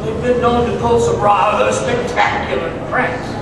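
A man's voice: high voice, fairly even intonation, measured pace. A man playing an earnest, easily astonished English doctor, the detective's companion, in a live radio play. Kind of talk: old-time radio play performed live. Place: live stage before an audience, indoors. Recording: noisy echoey hall, distant microphone.

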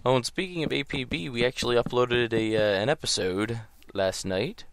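Casual gameplay commentary comes from a man whose mid-range voice has a fairly bright tone and moves at a moderate pace. Groggy with early-morning sleepiness, he wanders and hesitates, dropping ums and leaving thoughts unfinished.

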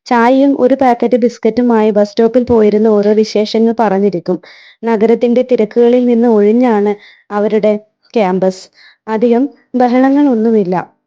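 A woman storyteller reading a romance story in steady, measured narration. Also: fairly high pitch, lo-fi sound.

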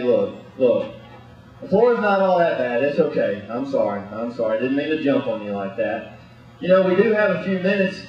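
A man coaching in a comic gymnastics act, bossy and exasperated, scolding a clumsy student in front of an audience. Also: on the high side. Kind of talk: comic coaching patter over a live act. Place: large indoor gymnasium with audience. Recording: echoey distant muffled gym recording.

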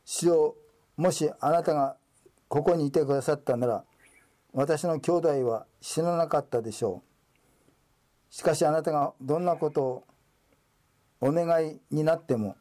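A man's voice: on the high side, moderate pace, pauses often, dark tone, close to an everyday voice. A man reading the lines of Martha, a grieving devout woman, in an earnest scripture reading.

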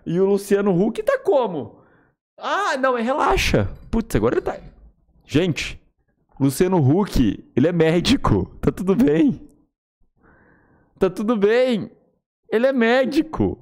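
Brief: young Brazilian-accented streamer, slow and very animated, excitable and swearing, loud game music. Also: male voice, high voice. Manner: excitable, swearing, yelping and shouting in fright. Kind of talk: live reaction to a horror game.

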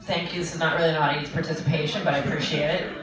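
A woman's voice: low-pitched, fairly even intonation, very fast, music in the background. A woman performer bantering with the crowd between songs, flustered and sardonic. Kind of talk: stage banter. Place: small pub stage. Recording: echoey, distant, crowd noise.

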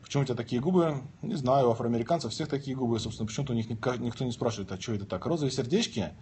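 A man in his thirties livestreams casually from bed, his phone at arm's length, joking while he reads out and responds to viewer questions. He talks very fast in a mellow, medium-pitched voice, with slight background noise.

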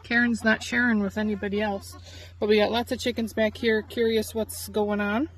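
The audio is poor: outdoor phone sound from a handheld phone at arm's length, with chickens clucking and outdoor noise behind. A middle-aged woman who keeps chickens presents a casual, chatty how-to vlog from a farmyard chicken run, explaining with some hesitation in a level, medium-pitched voice at a moderate pace.

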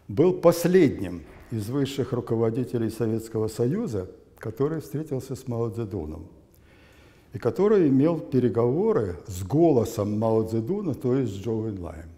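An elderly man in his eighties reminisces in an interview, speaking deliberately and haltingly with emphatic stresses, in a reverberant room. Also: medium pitch, very animated, warm tone. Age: elderly, 80s. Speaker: former interpreter recounting memories. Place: indoor plain room, seated before camera. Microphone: lapel mic. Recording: muffled sound with long room reverb.

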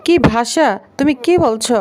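A woman's voice: high-pitched, moderate pace, darkish tone, no echo, close to an everyday voice. Brief: stern middle-aged mother guarding her son, indignant; a woman voicing her. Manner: indignant, scolding.

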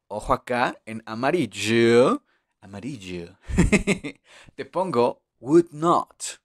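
Slow, patient man teaching English. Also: medium pitch. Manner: patient, repeats English words slowly for learners. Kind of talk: beginner language lesson.

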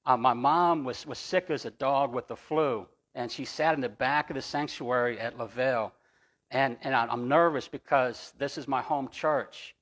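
A man's voice: medium pitch, normal speed, a bit bright. A man preaching a sermon as pastor, telling personal stories in a conversational way with frequent restarts. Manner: storytelling, conversational, with repeated restarts.

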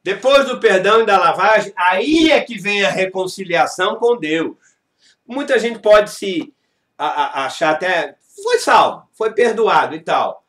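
Man, pastor, church sermon lesson, emphatic, acts out quoted voices, quizzes the congregation, very lively pitch. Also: measured pace, roomy sound. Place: church, live-streamed.

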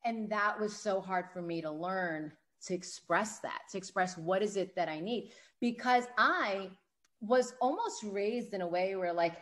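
A woman guest on a podcast, telling stories in an animated, chatty way full of "like" and "you know". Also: medium pitch, unhurried. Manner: animated storyteller, heavy use of "like" and "you know". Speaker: guest author. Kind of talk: casual podcast conversation.

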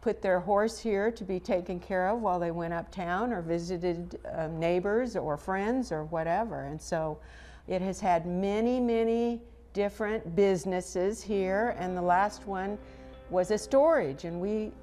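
An older American woman, a museum representative, speaks informally as an interviewee in a medium-pitched, warm voice at a measured pace. She's recorded on a lapel mic indoors in a large old brick livery stable, with soft music playing in the background.

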